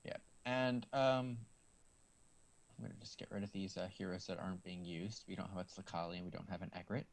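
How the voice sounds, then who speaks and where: A man commentating a card game stream, explaining plays in a measured, slightly hesitant way. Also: low voice, steady tone, creaky.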